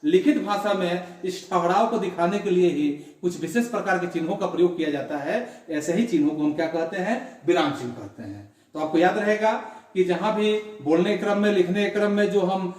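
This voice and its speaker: High-voiced teacher in an echoey room. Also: male voice, darkish tone, recorded from a distance. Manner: slow, repetitive explaining with examples. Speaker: grammar teacher. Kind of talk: classroom lesson.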